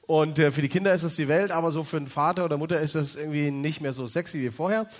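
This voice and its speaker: A man's voice: a little high, very fast. A man in his thirties telling a personal faith story to an evening audience, in a loose, chatty way full of fillers.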